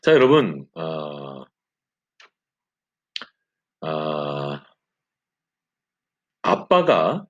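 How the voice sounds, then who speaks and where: Husky man teaching a lively Bible lesson. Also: deep voice, highs cut off. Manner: animated storytelling with frequent "예" fillers. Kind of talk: church Bible lesson, storytelling.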